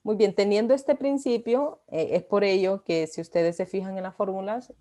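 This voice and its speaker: A woman's voice: medium pitch, moderate pace, dark tone. A woman teaching a physics class, explaining patiently with frequent "eh" fillers and "¿verdad?" checks. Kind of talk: recorded online class lecture.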